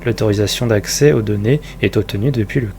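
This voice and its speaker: A man's voice: lowish voice, fast, gravelly, darkish tone, slight background noise. A man giving casual let's play commentary and reading on-screen game text aloud.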